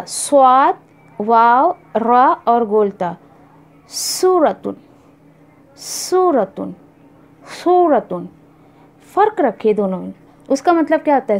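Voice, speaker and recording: A woman teaching Quran recitation, explaining how similar-sounding letters differ and repeating each word slowly for practice. She mixes English words into her speech. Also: sits high, a little mellow. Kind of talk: slow explanatory lesson.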